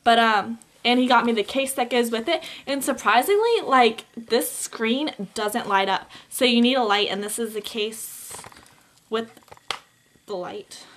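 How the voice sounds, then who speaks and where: Teen girl vlogger, upbeat and rambling, slightly high, camcorder mic at home. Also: a little slow, a bit bright. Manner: chatty, upbeat, many fillers. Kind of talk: casual holiday haul vlog. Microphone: camcorder built-in mic.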